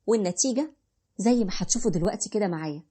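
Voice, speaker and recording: Fast-talking Egyptian young woman storyteller. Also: mid-range voice, lively intonation, warm tone. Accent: Egyptian Arabic. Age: 20s. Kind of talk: first-person story narration.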